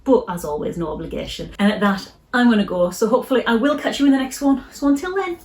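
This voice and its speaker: A woman illustrator talking casually to camera in her vlog, gentle and reassuring, often restarting her sentences. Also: mid-range voice, animated, quick pace. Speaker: illustrator vlogger. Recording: roomy echo.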